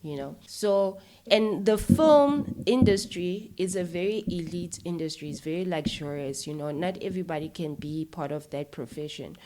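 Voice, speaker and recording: In a rough recording, a South African woman who is a filmmaker and YouTuber talks as a podcast guest in a casual, opinionated way. Her lowish, mellow voice moves at a moderate pace with hardly any pauses, emphatic and often checking that the listener follows.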